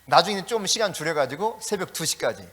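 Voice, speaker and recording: A middle-aged male pastor giving a sermon, animated and storytelling, talking directly to the congregation with chatty asides. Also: on the high side, fast talker. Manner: animated preaching with shouted calls.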